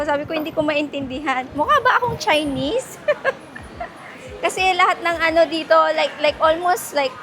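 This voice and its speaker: A woman's voice: high voice, a little hiss or hum. A Filipino woman vlogging casually while she walks through a mall, chatty and laughing often as she mixes Tagalog and English. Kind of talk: casual travel vlog. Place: shopping mall. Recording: loud music playing over voice. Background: background music.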